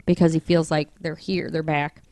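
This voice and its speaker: A woman's voice: deep voice, flat delivery, moderate pace, crowd noise. A woman co-hosting a casual chat, retelling a story with fillers and restarts. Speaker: podcast co-host telling the story.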